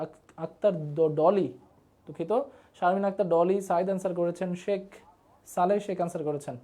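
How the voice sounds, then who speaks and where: Teaching a live online class, this man with a Bangladeshi Bengali accent drills terms through repetition and keeps asking viewers for comments. His voice is high-pitched and warm.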